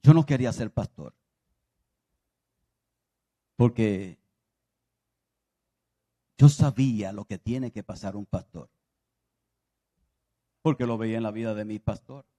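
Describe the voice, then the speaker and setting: A pastor preaching a sermon, moving from loud exclaiming to soft confiding speech and acting out biblical voices as he tells the stories. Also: mid-range voice. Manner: acts out biblical voices in his telling.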